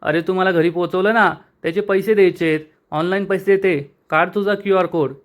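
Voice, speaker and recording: A man voicing a quick-tempered, irritated young woman who snaps back, retold in a serial recap. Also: high voice, fairly even intonation, close to an everyday voice. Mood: exasperated. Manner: snappy, exasperated.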